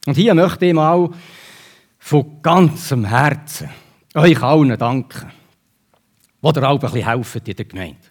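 Man, Swiss accent, church preacher, sermon, conversational, lively emphasis. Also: medium pitch, unhurried, pauses often. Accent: Swiss German. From Switzerland.

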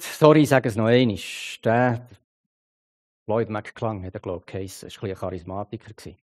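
A man's voice: mid-range voice, a little mellow. A middle-aged man preaching a sermon with a Swiss German accent, in a conversational way that keeps asking the listeners to agree. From Switzerland.

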